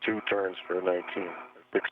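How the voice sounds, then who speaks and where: Give me a man speaking over a tinny sci-fi communicator radio, low and clipped. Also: flat delivery, moderate pace. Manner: clipped, matter-of-fact readbacks. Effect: space-to-ground radio transmission, like a sci-fi communicator. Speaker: astronaut on a spacewalk. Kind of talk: terse mission radio callouts. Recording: tinny, hissy radio link.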